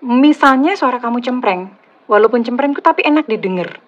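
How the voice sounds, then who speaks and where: Indonesian woman tarot reader, slightly husky, chatty and teasing, casual one-to-camera reading, a bit lo-fi. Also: fairly high pitch, lively intonation, brisk. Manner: chatty, teasing, laughs at own jokes. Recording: slightly dull lo-fi audio.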